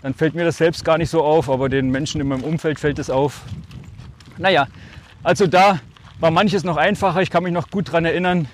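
With a fairly high pitch, this podcast guest, a man in his forties from Germany's Altmark region, speaks with a northern accent tinged slightly Swabian. His casual storytelling is reflective, delivered in short phrases with words often stretched.

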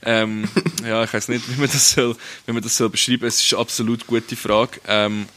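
A man's voice: mid-range voice, flat delivery, normal speed, bright, forceful tone. A young man with a Swiss German accent, co-hosting a casual podcast chat with teasing banter. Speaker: podcast co-host.

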